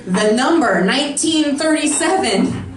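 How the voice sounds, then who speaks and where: Her high voice is animated but a little slow as she works through a brash, sarcastic routine. She's a woman in her thirties performing stand-up at a comedy club, the distant mic catching echo from the room and bursts of crowd laughter.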